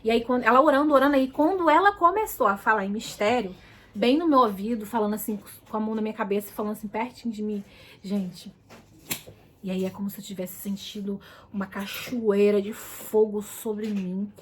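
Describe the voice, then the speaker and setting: A woman's voice: mid-range voice, brisk, a little hiss or hum, low-quality recording. A woman giving an emotional personal testimony to her viewers in a casual, repetitive way, calling out to them often. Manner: self-described shy and soft-spoken. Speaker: vlogger giving a religious testimony.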